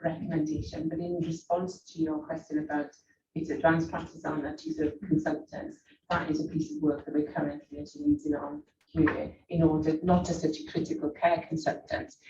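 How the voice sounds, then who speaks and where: In a formal meeting room, a woman executive presents a report and answers the board's questions, leaning on "actually" and "very" as fillers. Her voice is low-pitched, mellow and a little fast, with vocal fry. The recording is distant, echoey and muffled, with room noise.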